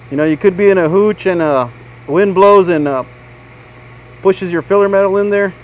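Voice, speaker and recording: A welding instructor gives a casual demonstration tutorial inside a large welding shop. His voice sits high, and his manner is relaxed and folksy, with frequent "you know."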